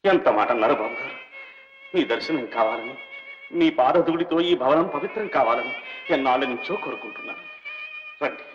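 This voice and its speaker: A man's voice: mid-range voice, wildly swooping pitch, fairly quick, pauses often. An actor playing an earnest, respectful young doctor devoted to his old benefactor, speaking in a deferential, emotional way in an old film scene. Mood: devoted pleading. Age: young adult. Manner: earnest, deferential, cries out in anguish. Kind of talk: 1950s Telugu film acting. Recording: dull old film soundtrack with reverb and music.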